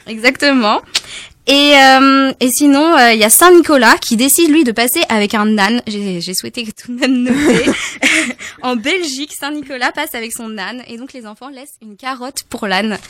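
A woman's voice: high-pitched, normal speed, fairly bright tone. A woman chatting casually in a group talk, hesitant, with many fillers, and laughing at her own slips.

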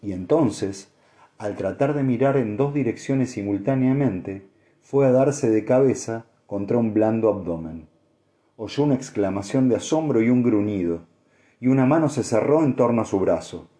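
A man narrating an audiobook in a steady, measured reading. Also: medium pitch. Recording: echoey room.

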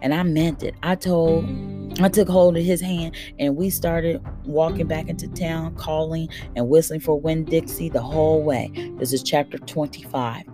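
A woman reading a children's novel aloud in a steady, plain storytelling manner. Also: low voice, normal speed, over music. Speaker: audiobook reader.

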